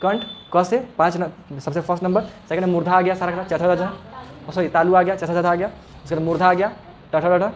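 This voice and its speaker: A man's voice: high voice, flat delivery, brisk. A male teacher giving a classroom lesson, patiently explaining and repeating each sound for the students. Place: classroom with a fan running.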